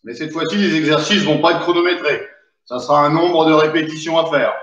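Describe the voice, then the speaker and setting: A man's voice: a little high, fairly even intonation, a little fast, fairly bright tone. A man working as a fitness coach, leading an exercise class, calling out cues and counting repetitions while doing the exercises himself. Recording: very echoey room, distant mic, slightly dull.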